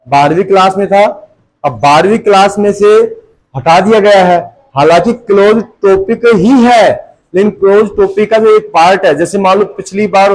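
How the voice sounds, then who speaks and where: A man with a high, bright-pitched voice lectures a classroom of students. He repeats each point and keeps checking with rhetorical questions whether the class follows. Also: poor audio. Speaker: tuition teacher.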